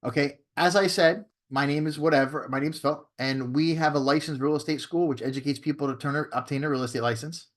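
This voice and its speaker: Higher-voiced man coaching a class. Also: steady tone, fairly quick, hardly any pauses. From Florida. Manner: conversational, repeats "okay?" and "right?" to check in; acts out phone scripts in a shifted tone. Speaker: real estate trainer. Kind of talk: classroom training talk.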